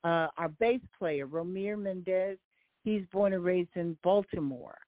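An older woman from Philadelphia, appearing as a guest singer on a call-in radio interview, speaks a little slowly in a lowish voice. She's friendly and talkative, running through details with plenty of fillers, and the recording comes through a dry, tinny phone line.

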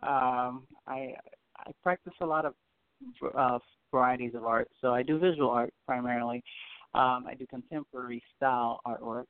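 A man's voice: medium pitch, fairly even intonation, normal speed, clear, resonant tone, no room sound. Hesitant man from Haiti on the phone. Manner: hesitant, many ums and repeated words. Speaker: guest artist. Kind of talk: casual interview answers. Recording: tinny phone line.

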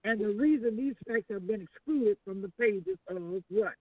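A high-voiced man hosts a call-in trivia game, his voice rising and falling in a lively way. He comes through a tinny, dry phone line on a bad connection that keeps breaking up. He talks in a playful way and often stammers and restarts. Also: normal speed, no room sound. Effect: choppy phone connection breaking up. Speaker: trivia host. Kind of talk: casual call-in trivia chat.

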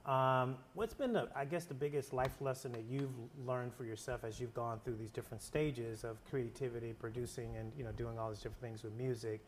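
A man's voice: mid-range voice, steady tone, fairly quick, few pauses. Guy hosting a chat, mid voice, keeps saying yeah, faint background hum. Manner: rambling questions, constant short affirmations. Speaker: interview host. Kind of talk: casual interview talk.

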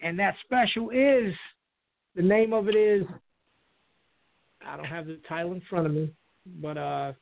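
Gravelly, high-pitched male radio host. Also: slight background noise. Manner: halting, repeats words. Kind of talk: call-in radio talk. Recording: dry, tinny phone-line sound.

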